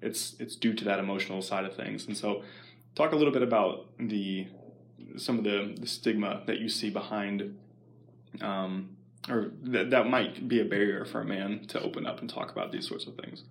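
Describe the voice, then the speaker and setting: A man hosting an interview, asking questions with hesitant phrasing and frequent filler pauses. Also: on the low side, steady tone, creaky. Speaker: interview host.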